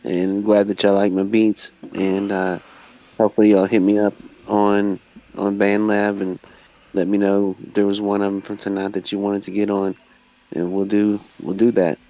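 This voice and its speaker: A man speaking as a guest beatmaker in a casual chat, hesitant and soft-spoken with many fillers. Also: on the low side, flat delivery, moderate pace, highs cut off.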